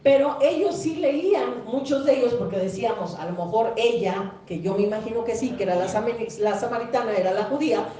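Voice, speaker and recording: A woman's voice: on the high side, a little fast, few pauses, crowd noise. A woman pastor preaching a sermon, chatting with the congregation, questioning them and acting out the people she quotes. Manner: conversational preaching, quizzes the congregation, acts out quoted speakers. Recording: echoey church hall, mic far off.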